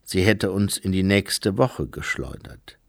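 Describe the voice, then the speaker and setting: A man doing a low, murmuring old sweeper monk. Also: expressive, unhurried, gravelly, no room sound, studio quality, full character voice. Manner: low murmuring, often half-whispered.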